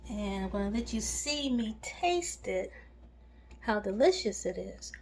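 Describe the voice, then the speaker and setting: A woman's voice: mid-range voice, lively intonation, a little slow, background noise. A woman hosting a home cooking video, chatting homely as she talks viewers through each step in her kitchen. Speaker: home cooking channel host. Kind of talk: casual cooking demonstration.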